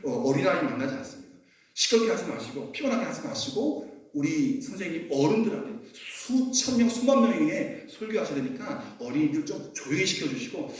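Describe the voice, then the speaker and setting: A man's voice: on the high side, natural voice. A man acting out an officious male disciple who bossily scolds parents and shoos them away. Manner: bossy, scolding. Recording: echoey hall, mic far off.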